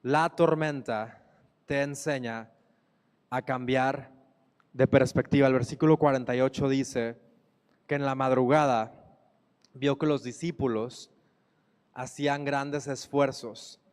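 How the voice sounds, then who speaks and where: A man preaching a sermon as pastor, slow and emphatic, repeating phrases for weight. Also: on the high side, smooth, in a large hall.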